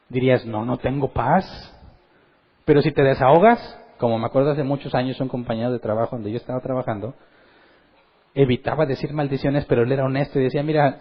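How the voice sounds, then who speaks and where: Husky pastor, animated teaching. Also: male voice, medium pitch, dull audio. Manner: animated, asks the audience questions and acts out quotes. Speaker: pastor teaching a Bible study. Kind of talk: sermon-style Bible teaching.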